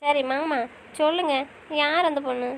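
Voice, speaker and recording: A woman's voice: high-pitched, moderate pace, vocal fry, slight background noise. A woman playing a young newlywed wife who coaxes and questions her husband in a romantic audio drama. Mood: affectionate. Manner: affectionate, pleading and coaxing.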